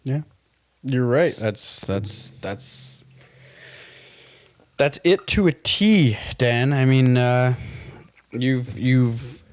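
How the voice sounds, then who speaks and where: A man's voice: medium pitch, extremely slow, long pauses, no room sound. A man co-hosting a podcast in casual chat, easygoing and teasing. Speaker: podcast co-host.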